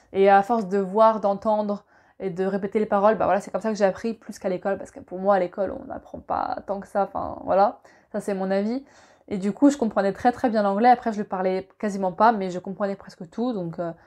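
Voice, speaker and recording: A young woman from France telling a relaxed personal story to camera, chatty and full of fillers and asides. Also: mid-range voice. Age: young adult. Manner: chatty, many fillers and asides, laughs easily. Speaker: vlogger.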